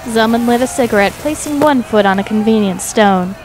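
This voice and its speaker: A woman reads scripted narration for a dramatic fan fiction audio story, her voice a little high and fairly quick. Music plays behind her, along with background noise.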